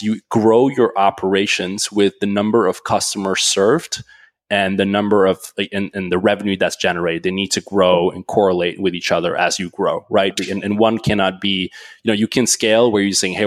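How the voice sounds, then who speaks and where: A man from Switzerland, a guest entrepreneur on a podcast, talking in an animated, casual way full of fillers and restarts. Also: sits low, no room sound. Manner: animated storytelling, frequent "like" and restarts.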